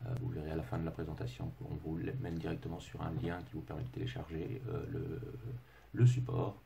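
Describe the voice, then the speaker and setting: Gravelly deep-voiced Englishman presenting a webinar. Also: monotone, a little fast, warm tone, slight background noise. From England. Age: middle-aged. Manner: hesitant, heavy with filler sounds and restarts; dry self-mocking humor.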